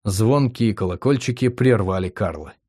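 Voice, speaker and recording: A man narrating an audiobook in an even, measured reading. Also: on the low side, breathy edge, no echo, studio quality. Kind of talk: scripted narration.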